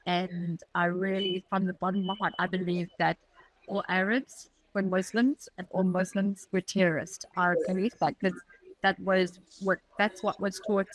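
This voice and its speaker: A woman from South Africa with a South African accent, a podcast guest telling a personal story in an earnest, reflective way with short halting phrases. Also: lowish voice, level tone, no echo, low-quality recording.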